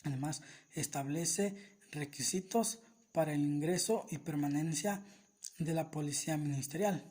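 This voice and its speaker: A man reading aloud a summary of a law in a formal, steady, list-like way. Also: on the high side, unhurried. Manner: steady, even, list-like delivery. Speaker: reader of a legal summary. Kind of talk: formal reading of legal text.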